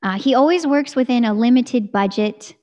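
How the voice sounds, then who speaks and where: A woman's voice: a little high, normal speed, a little mellow. An American woman singer in her thirties, chatting enthusiastically in a video-call interview from a room at home on a studio mic. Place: home room with curtain backdrop. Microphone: studio mic on a boom arm.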